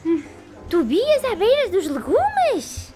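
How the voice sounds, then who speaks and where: A young woman with a European Portuguese accent, chatting excitedly in a casual vlog filmed on a handheld camera. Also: very high voice, slow pace, soft background music. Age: young adult. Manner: chatty, excitable, talks to her cat. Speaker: vlogger. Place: home kitchen and garden.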